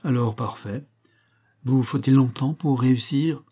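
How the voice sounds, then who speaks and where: A man's voice: medium pitch, a little slow, dark tone, close to an everyday voice. A man voicing a gleeful young society wife, gossipy and full of amusement. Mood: instructing. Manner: gossipy, breathless with amusement when retelling.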